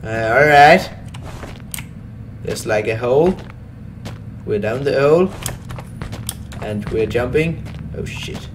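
A young man in casual let's play commentary, swearing a lot, repeating "all right" and shouting in panic during fights. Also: mid-range voice, animated, slow, long pauses, slight background noise. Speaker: gaming YouTuber.

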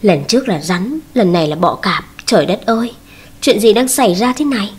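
A woman voicing a flustered young sister-in-law who speaks in an alarmed, hurried way in a storybook reading. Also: mid-range voice, expressive, slightly rough.

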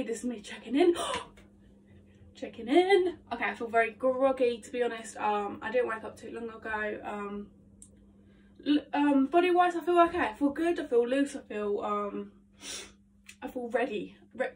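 In a casual vlog, a young woman does her vocal warm-up in a small attic bedroom, chatting to herself with lots of ums; hay fever makes her voice nasal and congested. She sounds a little high and expressive at a normal speed. A phone camera across the room picks her up distantly, with faint room noise.

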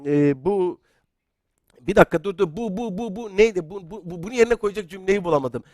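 A high-pitched man hosts a live quiz stream with excitable, chatty energy. He reads viewer comments aloud and pushes the audience along. The sound is dry and close, with almost no room in it. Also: brisk, no echo. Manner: excitable, gets loud then apologizes. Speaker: quiz show host.

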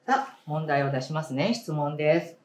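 Slow, emphatic woman teacher reading aloud. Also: sits low, expressive, a little mellow, slight background noise. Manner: slow, emphatic, repeats key words and asks the class questions. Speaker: primary school teacher. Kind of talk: read-aloud lesson. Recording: roomy sound, distant mic.

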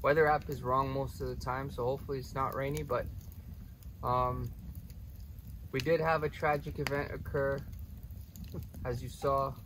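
A young man chats to his camera outdoors at a wooded campsite, easygoing and filling pauses with ums. His voice sits at an ordinary middle pitch. Faint outdoor noise runs underneath. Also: low-quality recording. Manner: relaxed, chatty, with frequent ums. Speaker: vlogger. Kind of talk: casual camping vlog.

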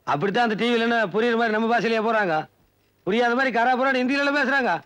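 A man's voice: very high voice, racing, a bit bright. An actor playing a gray-haired village man who grumbles and teases in a film scene. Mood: grumbling.

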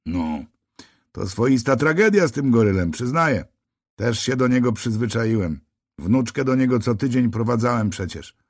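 A man's voice: medium pitch, animated, normal speed, slightly rough, no echo, clean studio sound. A man voicing a tired, heavyset male police officer near fifty in an audiobook, matter-of-fact and a little sardonic. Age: middle-aged. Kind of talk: audiobook character voice.

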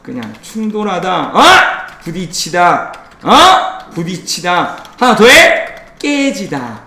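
A man teaching an English grammar class, drilling students with quick questions and teasing them playfully. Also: high-pitched, big pitch swings, bright, forceful tone, roomy sound. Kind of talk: classroom lecture.

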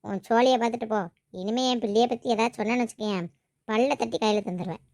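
A woman's voice: a little high, fairly even intonation, fast, vocal fry, a little mellow, dry recording, studio quality, pitched below the performer's own voice. A woman voicing a stern, protective middle-aged village mother in a family drama, scolding sharply and threatening. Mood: defiant.

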